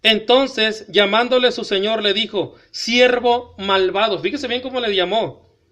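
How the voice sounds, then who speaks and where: A man preaching an emphatic sermon, reading scripture aloud slowly and breaking in with commentary to the congregation. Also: high-pitched, a bit bright. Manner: repeatedly addresses the congregation as brothers, emphatic.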